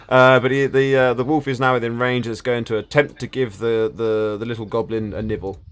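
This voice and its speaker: A man's voice: mid-range voice, level tone, moderate pace. A man narrating a tabletop game as game master, stammering through restarts and chuckling at the table.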